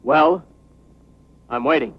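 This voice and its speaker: A man dubbing a tough young factory worker who stands his ground, heard from a worn VHS tape copy of the film. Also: on the high side. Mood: defiant. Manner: slow, defiant challenging. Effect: worn VHS tape copy of a dubbed film. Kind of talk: English film dub acting. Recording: hissy, muffled worn tape dub.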